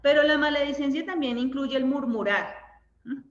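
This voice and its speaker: In an echoey room with dull lo-fi sound and a little hiss or hum, a woman with a Colombian accent leads a women's Bible study. Her high voice moves at normal speed, and she keeps it conversational, regularly checking in and ending her points with tag questions.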